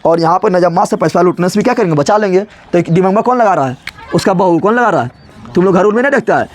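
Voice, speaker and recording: Guy teaching fast, high voice, keeps asking and answering himself. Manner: repeats his own questions and answers them, addresses students directly. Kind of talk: classroom lesson explaining a story.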